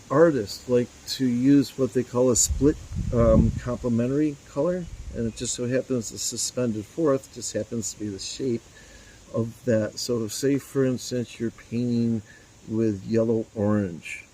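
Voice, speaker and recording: Mellow-voiced man explaining a music tool. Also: medium pitch, slight background noise, rough recording. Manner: folksy, rambling, with fillers and stammers. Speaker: inventor demonstrating his music teaching tool. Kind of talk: explanatory demo in an interview.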